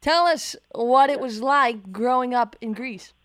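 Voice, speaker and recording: A woman hosting a radio talk show from a studio, chatty and quick to laugh. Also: a little high, fairly bright tone, clear, resonant tone, no room sound.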